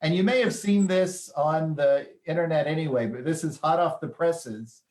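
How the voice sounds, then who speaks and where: A man hosting a casual chat, telling news stories in a relaxed, chatty way with plenty of fillers. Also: on the high side, moderate pace, echoey room. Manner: chatty storyteller with frequent fillers. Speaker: host.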